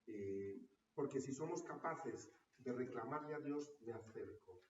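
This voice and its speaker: A man's voice: mid-range voice, unhurried, slight background noise. A man, a parish priest, giving a teaching talk to parishioners and checking in with his listeners through a frequent questioning tag. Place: parish hall or church room. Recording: roomy, distant, dull sound.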